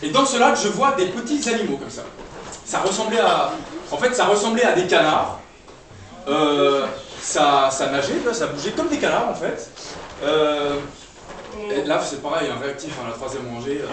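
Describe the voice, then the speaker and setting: A man's voice: fairly high pitch, expressive, normal speed, a bit bright. A young man doing improvised stand-up comedy with the audience, talking in a loose, chatty way with many fillers and restarts, heard from a distant mic on a live stage. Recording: distant live room mic, strong echo, noisy.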